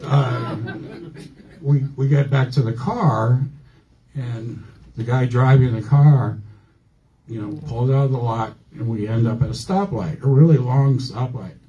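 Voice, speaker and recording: An older man working a comedy club stage with a handheld mic, rambling through self-deprecating stories. His voice is mellow and relaxed, and the lo-fi recording sounds a bit dull. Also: mid-range voice, measured pace. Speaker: stand-up comedian. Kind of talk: stand-up comedy set.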